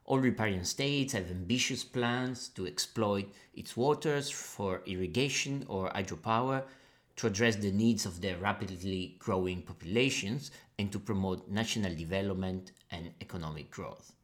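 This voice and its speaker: A man hosting a podcast, a lecturer and researcher reading a scripted introduction in a measured way. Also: on the low side. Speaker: podcast host. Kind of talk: scripted narration.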